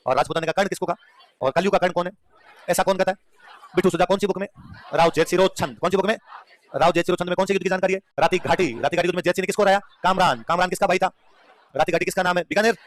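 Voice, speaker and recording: A man's voice: high-pitched, no echo. A man teaching an exam revision lecture, firing questions at the class and repeating them, with laughter between points. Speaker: history teacher.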